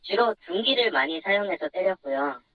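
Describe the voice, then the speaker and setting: An anonymous guest speaks through a deep pitch-shifting voice disguise. The delivery is subdued and measured, at an ordinary pitch for the disguised voice. It arrives over a dull, lo-fi phone line. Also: animated. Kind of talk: phone-in news interview.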